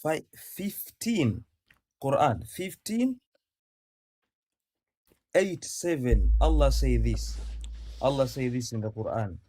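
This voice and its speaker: A man's voice: mid-range voice, expressive, slow, pauses often, dark tone, husky. A man from Tanzania, debating religion on a call, who talks insistently, repeats himself and recites Arabic verses. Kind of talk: heated debate.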